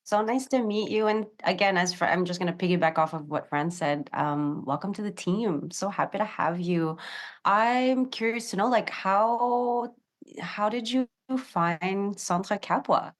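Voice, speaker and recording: A woman's voice: mid-range voice, unhurried. A woman co-hosting a radio show, asking questions with curiosity. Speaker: radio co-host. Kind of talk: casual radio interview.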